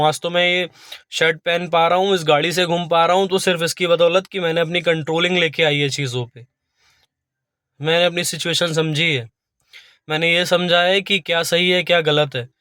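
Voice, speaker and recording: A man's voice: on the high side, bright, forceful tone, no echo, clean studio sound. A man vlogging from his car, talking earnestly and pleading again and again with his viewers. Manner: pleading, repetitive, appeals to "bhai" and "dosto". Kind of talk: earnest talk to camera.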